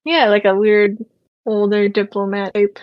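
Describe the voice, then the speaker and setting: A woman's voice: medium pitch, flat delivery, a little slow, no echo, lo-fi sound. Laughing woman giving short podcast replies. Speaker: podcast co-host. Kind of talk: casual book-club chat.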